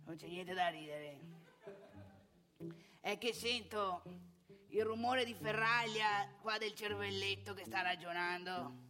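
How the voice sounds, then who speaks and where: Over music, a woman with a mid-range voice speaks slowly, leaving long pauses and acting only lightly. She plays a crotchety, opinionated old married man with a northeastern Italian accent in a theatrical comic monologue, sounding preachy and proud as she harangues and scolds through rhetorical questions.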